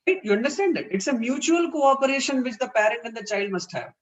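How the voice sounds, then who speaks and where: Very high-pitched, animated and fast, a man with an Indian English accent gives an earnest parenting talk in an online webinar on a low-quality recording. He explains points in detail and acts out quoted dialogue.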